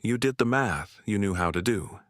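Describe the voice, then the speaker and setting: A man voicing a soft-spoken, tender young mother. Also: fairly low pitch, lively intonation, normal speed, dry recording, clean studio sound, lightly acted. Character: warm-hearted young mother, quiet and tender.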